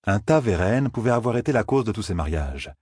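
A man reading a fantasy novel aloud as an audiobook narrator, with expressive storytelling. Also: on the low side, a little fast, slightly rough, no echo. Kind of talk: scripted narration.

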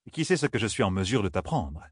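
A man voicing a proud, scheming male sorcerer in an audiobook, speaking in a measured, calculating way. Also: on the low side, big pitch swings, breathy edge, no room sound, clean studio sound. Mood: sly.

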